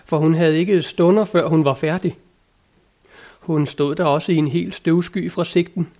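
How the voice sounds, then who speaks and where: A man's voice: on the high side, fairly even intonation, warm tone. A man voicing a plain, earthy squire in an audiobook, answering in a blunt, matter-of-fact, folksy way. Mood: dry. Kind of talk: audiobook character reading.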